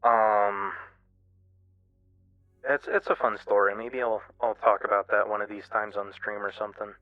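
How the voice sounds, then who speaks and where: Hesitant man, low voice, muffled recording. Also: level tone. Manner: hesitant, halting, self-reflective. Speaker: streamer. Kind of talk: candid personal monologue, casual. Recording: muffled, roomy lo-fi radio-like sound, music behind. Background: music.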